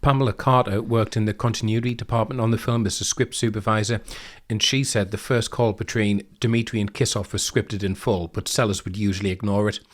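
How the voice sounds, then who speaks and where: A man's voice: on the low side, steady tone, fairly quick, few pauses. A man co-hosting a film podcast, mostly agreeing briefly and reading out production facts. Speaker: podcast co-host. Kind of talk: casual film discussion.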